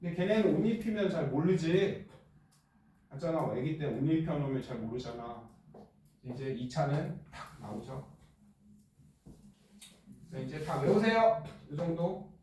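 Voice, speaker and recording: Joking teacher in an echoey classroom. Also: male voice, on the high side, lively intonation, a little mellow, recorded from a distance, slight background noise. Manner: joking, blunt, quizzes students with quick questions. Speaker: middle school science teacher. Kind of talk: classroom lecture.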